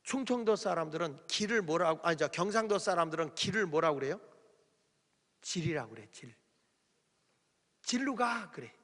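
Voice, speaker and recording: A man's voice: fairly high pitch, lively intonation, brisk, fairly bright tone, big-room sound. A man preaching a folksy, humorous revival sermon in a church sanctuary, calling on the congregation to repeat after him.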